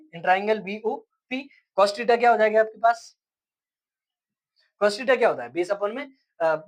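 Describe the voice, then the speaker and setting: Guy with a highish voice explaining physics slowly, keeps asking and answering himself. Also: low-quality recording. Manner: explains step by step, asks questions and answers them himself. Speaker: physics teacher. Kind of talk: classroom lecture.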